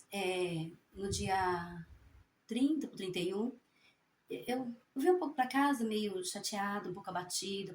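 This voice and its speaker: A woman's voice: medium pitch, darkish tone, reverberant, slight background noise. A woman giving a fervent spoken testimony and then reading scripture aloud. She speaks in a folksy way, tags her sentences with little questions, and stumbles and corrects herself as she reads. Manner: halting reading with self-corrections. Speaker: evangelical preacher sharing a prophecy.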